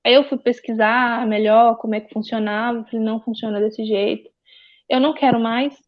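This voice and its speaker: A woman's voice: a little high, fairly even intonation, normal speed. A woman, a guest giving earnest, pained personal testimony with a lot of repetition. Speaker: interview guest. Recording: dull lo-fi audio.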